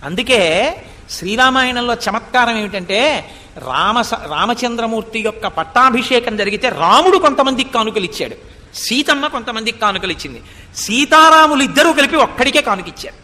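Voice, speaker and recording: A man's voice: extremely high pitch, animated, normal speed, pushed and bright, in a large hall. A man giving a devotional scripture discourse, expounding with rhetorical questions and reciting Sanskrit verses. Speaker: spiritual discourse speaker.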